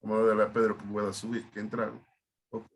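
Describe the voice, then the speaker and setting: A man's voice: on the low side, completely flat delivery, quick pace, slightly rough. A male pastor leading an online Bible study, stopping often and repeating words as he explains Hebrew terms.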